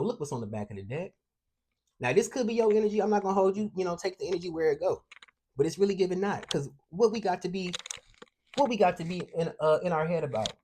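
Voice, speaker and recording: A man's voice: on the high side, darkish tone. A man reading tarot cards for a collective audience, talking in a streetwise, profane and fired-up way. He sometimes runs short of breath as he gets worked up. A faint hiss sits under his voice. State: out of breath at times. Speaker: tarot reader.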